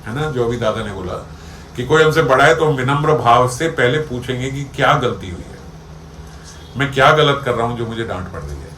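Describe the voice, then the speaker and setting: A man's voice: mid-range voice, expressive, a little fast, fairly bright tone, a little hiss or hum. A man as a spiritual teacher giving a devotional discourse, explaining through everyday examples and checking that listeners follow. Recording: echoey room with faint ambience.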